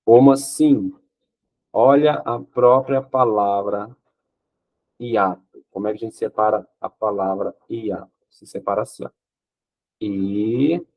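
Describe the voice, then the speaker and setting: In narrow, tinny audio, a Brazilian man with a fairly low, steady, unhurried voice gives an exam-prep Portuguese grammar lesson. He works through it step by step, posing questions he then answers, with frequent "ok?" checks.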